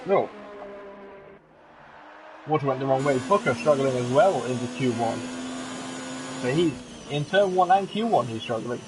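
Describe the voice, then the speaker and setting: A man giving live commentary on a racing league, excitable and chatty with joking asides. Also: mid-range voice, moderate pace, pauses often. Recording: game engine noise under the voice. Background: racing car engine sounds from the game.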